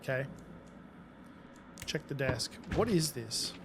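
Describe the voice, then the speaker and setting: A man's voice: medium pitch, expressive, slow pace, creaky, noisy background. A man giving casual playthrough commentary and reading game text aloud as he goes. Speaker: gaming video host.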